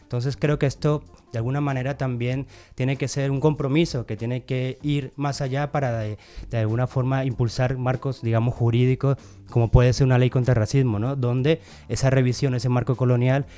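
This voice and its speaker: A man, a guest on a radio interview, explaining his points in a measured way. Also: mid-range voice, level tone, dark tone. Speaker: guest researcher.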